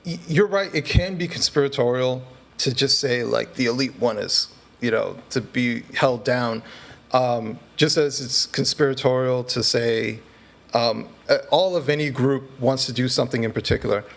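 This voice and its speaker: A man, a podcast guest, talking through his argument in an earnest, measured way and often checking in with the listener. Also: mid-range voice, creaky. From United States. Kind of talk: conversational interview.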